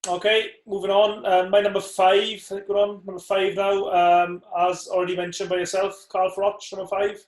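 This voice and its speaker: Man, slightly high, echoey room. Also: flat delivery, normal speed, hardly any pauses. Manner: thoughtful, recalls memories. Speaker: co-host, former boxer. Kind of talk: casual chat. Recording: roomy echo.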